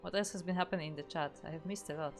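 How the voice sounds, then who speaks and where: A Polish woman with a Polish accent casts a live game tournament at a racing pace, her voice on the low side, with faint music behind her. The esports caster is chatty, reads out the chat, and keeps restarting her sentences.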